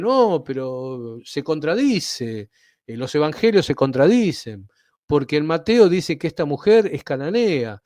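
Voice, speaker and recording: This Bible teaching comes from a man with an Argentine Spanish accent who works through points step by step and keeps checking in with his audience. His voice runs on the high side with a darkish tone. It's studio quality with no echo.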